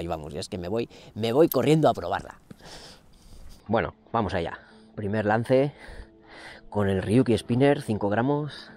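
A fairly low-voiced man in his forties talks eagerly beside a mountain lake, recorded outdoors on an action camera. He hosts a casual fishing vlog and exclaims often, with faint music behind him. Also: a little mellow. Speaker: fishing channel host. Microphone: action camera, close framing.

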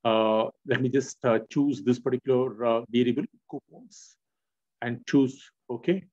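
A man giving a screen-recorded software lesson, explaining step by step with frequent "uh" and "right?" checks. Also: mid-range voice, steady tone, unhurried, muffled recording. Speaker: software tutorial instructor.

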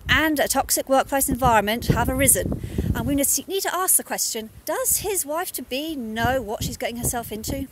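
A woman's voice: on the high side, noisy background, lightly acted. A woman playing an earnest, probing investigative reporter in a comic mock interview. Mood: grave, probing.

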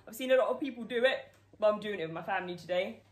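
A young woman hosting a casual family YouTube vlog, excitable and given to whooping. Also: medium pitch, very fast. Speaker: YouTube host. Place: living room full of family, indoors.

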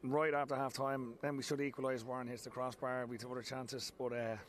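A man in his forties with an Irish accent, a football manager speaking frankly after a match, restarting his sentences often, into a handheld mic outdoors on a pitch at night. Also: flat delivery, a little fast. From Ireland. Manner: frank, repeats himself, many restarts. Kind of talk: post-match interview. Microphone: handheld mic held close.

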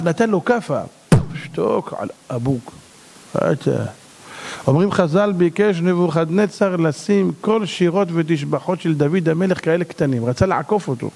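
A male rabbi telling a story in a sermon, animated and full of rhetorical questions. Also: high voice, vocal fry, in a large hall.

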